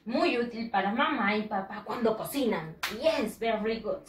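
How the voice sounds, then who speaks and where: A woman teacher giving a slow, drawn-out bilingual vocabulary lesson for children. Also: a little high, expressive, far from the mic, slight background noise. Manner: slow, drawn-out pronunciation drills. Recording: echoey room.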